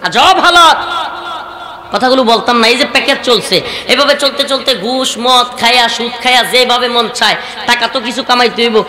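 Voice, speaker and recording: A man, preaching a sermon with mocking, loud storytelling. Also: very high-pitched, steady tone, fast. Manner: colloquial, mocking storytelling that rises to loud outbursts. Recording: echoey hall with crowd noise.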